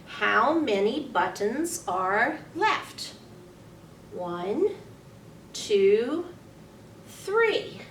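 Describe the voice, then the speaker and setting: Very slow, animated woman reading to children. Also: on the high side. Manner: sing-song, exaggerated delivery, simple deliberate phrasing for small children. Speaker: teacher reading a story to young children. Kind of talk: animated children's storytime read-aloud with counting lesson. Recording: roomy, distant mic, faint noise.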